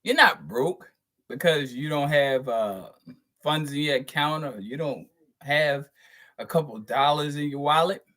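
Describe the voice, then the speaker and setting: Male channel host, somewhat high voice, profane preachy monologue, emphatic, chuckles between points. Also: sharp tone. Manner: drawn-out, stressed words. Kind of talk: spiritual monologue to viewers.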